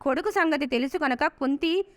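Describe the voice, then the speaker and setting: A woman narrating an epic tale in a steady storybook reading voice. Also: high-pitched, moderate pace. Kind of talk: scripted narration.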